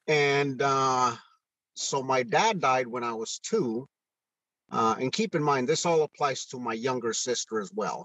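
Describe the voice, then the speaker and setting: Over phone-call audio, a heartfelt Mexican man in his sixties, a retired first sergeant, speaks candidly as an interview guest. He's earnest but halting, repeatedly restarting and using fillers, in a medium-pitched, slightly bright voice. The audio is dry and poor.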